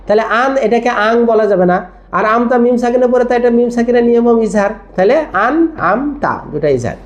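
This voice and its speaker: A patient tajweed teacher, spelling each word letter by letter before drilling it slowly. The voice sits in a middle pitch. The recording sounds dull and lo-fi. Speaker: Quran reading teacher. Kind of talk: tajweed lesson for teachers of children.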